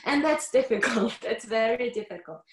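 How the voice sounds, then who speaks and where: A middle-aged woman talking on a panel video call, halting and repeating words as she searches for them. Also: on the high side. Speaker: music teacher on a panel. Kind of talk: panel discussion. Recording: echoey room on video call.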